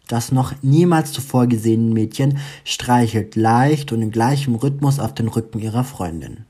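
A man narrating a story with an expressive reading. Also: medium pitch, breathy edge.

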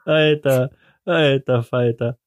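A man with a German accent hosting a podcast in casual, teasing, excitable banter. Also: mid-range voice, slow, noisy background. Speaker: podcast host.

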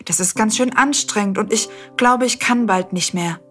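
Eine Frau spricht einen alten, erschöpften Postboten, der außer Atem ist. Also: female voice, medium pitch, normal speed, soft background music, lightly acted. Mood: weary. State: out of breath. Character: old, worn-out male postman.

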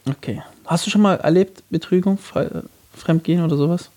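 A man co-hosting a talk podcast, telling a personal story in an animated way and acting out the voices of the people in it. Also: a little high, fairly quick. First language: Arabic. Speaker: podcast co-host. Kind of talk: casual storytelling chat.

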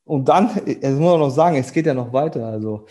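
A man's voice: mid-range voice, animated, fast, mellow. A man guest on a podcast, telling a personal story casually with many fillers and quoted dialogue.

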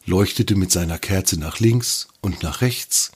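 A man narrating a children's story in an expressive, lively reading voice. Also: sits low, unhurried, breathy edge.

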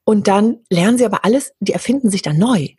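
A woman working as a communication coach, speaking in an interview in a lively, frank way and often acting out what other people say. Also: medium pitch, fast, husky. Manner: animated, acts out other people's remarks; frank, casual wording. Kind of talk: interview conversation.

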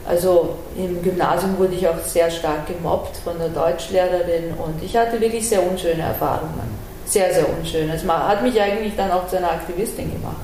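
A fairly low, dark-toned voice belongs to a middle-aged woman from Iran who grew up in Vienna, appearing as an artist and activist in a conversational interview. She speaks frankly and reflectively in long run-on sentences, recorded with roomy echo and faint background noise.

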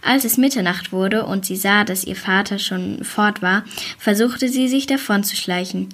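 A woman reads a fairy tale aloud at a calm, even pace. Her voice sits at an ordinary middle pitch for a woman, and she keeps the storytelling steady. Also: normal speed.

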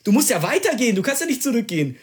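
A young man in casual chat, telling a story with excitement, slang and swearing. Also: very high-pitched, very fast.

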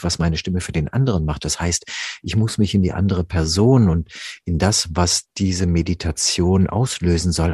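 A man who works as a professional voice speaker, explaining in a reflective, conversational interview and slowing his words for emphasis. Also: low voice, a little mellow, breathy edge, no room sound, studio quality.

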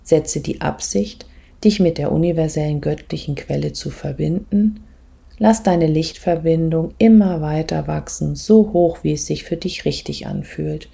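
A woman speaks as a spiritual coach and meditation guide, measured and gentle, leaving pauses between phrases, with a husky voice that turns breathy at phrase ends. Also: sits low.

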